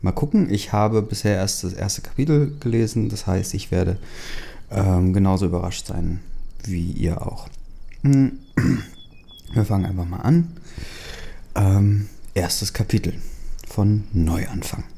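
A man reading a story aloud in a casual, hesitant way, with lots of fillers and chatty asides to the listener. His voice is fairly low and mellow. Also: measured pace, creaky, breathy edge. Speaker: story reader.

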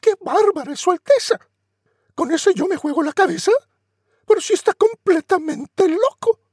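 A man voicing a spirited, blunt young woman in a raised, high voice. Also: lively intonation, normal speed, a little mellow, no room sound, studio quality. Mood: alarmed.

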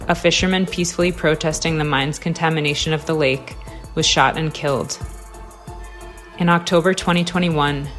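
A woman narrating a scripted radio documentary in a measured, serious, carefully enunciated way. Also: deep voice, a bit bright. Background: music behind the voice.

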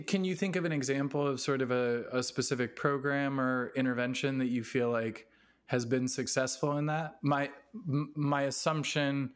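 A man with a medium-pitched voice hosts a casual podcast interview. He talks in a halting, rambling way and is quick to poke fun at himself. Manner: halting, rambling, self-deprecating. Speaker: podcast host. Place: basement apartment at home.

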